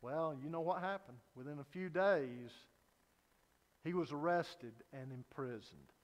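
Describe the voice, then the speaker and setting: High-pitched male preacher at a pulpit microphone. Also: a little slow. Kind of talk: evening sermon with dramatic storytelling. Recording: reverberant hall sound.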